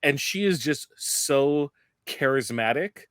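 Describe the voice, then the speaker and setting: A man's voice: on the high side, animated, takes it slowly, a bit bright, clear, resonant tone, no room sound, clean studio sound. A man co-hosting a podcast, chatting informally and offering opinions on a film. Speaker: podcast co-host. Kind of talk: casual film chat.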